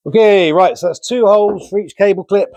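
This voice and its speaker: A man's voice: high voice, a little fast, a little mellow, no echo. Chatty man, dry close sound. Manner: chatty, self-deprecating, talks while working with hands. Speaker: DIY vlogger. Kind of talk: casual how-to narration while building. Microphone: remote mic.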